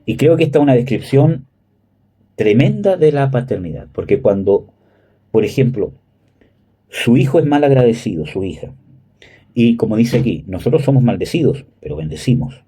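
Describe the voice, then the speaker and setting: Guy in his 30s preaching, dark husky voice, keeps asking "right?" to the room. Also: medium pitch, lively intonation, moderate pace, pauses often. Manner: conversational, frequent "¿cierto?" and "¿me entiende?" checks; hesitant fillers, "¿cómo se llama?". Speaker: pastor. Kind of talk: sermon.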